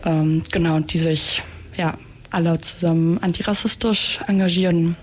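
Young female student guest, lower-pitched voice, informal conversational interview delivery. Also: steady tone, moderate pace. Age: young adult. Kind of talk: casual interview chat.

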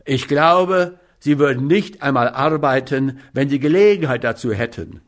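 A man's voice: medium pitch, a little slow, close to an everyday voice. A man reading a story aloud and voicing a surly, well-fed man who snarls scornful remarks between bites of meat pie. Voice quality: snarling, barking. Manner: curt and scolding. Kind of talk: audiobook character voice.

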